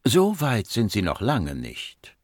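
A man's voice: mid-range voice, big pitch swings, normal speed, dry recording, studio quality, voice pushed up. A man reading a patient, composed female psychiatrist in her fifties, raising his voice to play her. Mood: firm. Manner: patient, firm, soothing.

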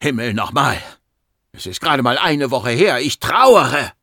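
A man's voice: medium pitch, big pitch swings, measured pace, a bit bright, no echo, studio quality. A man voicing a grieving, irritable doctor in his forties, bitter and agitated, in an audiobook. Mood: anguished.

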